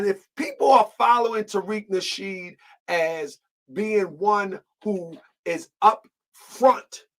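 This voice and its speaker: A man's voice: high-pitched, fairly bright tone, rough recording. Male host, fired-up solo commentary, hammers rhetorical questions, repeats himself when heated. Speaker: online show host. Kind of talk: impassioned commentary monologue.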